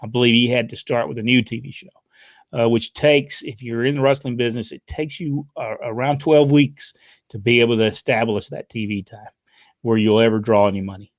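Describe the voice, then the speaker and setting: A man's voice: mid-range voice, steady tone, a little fast, dry recording, studio quality. An older man, hosting a casual talk show, reading out questions and telling folksy stories with many filler sounds. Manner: folksy storytelling with frequent uh fillers. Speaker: podcast host reading viewer questions. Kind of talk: casual chat.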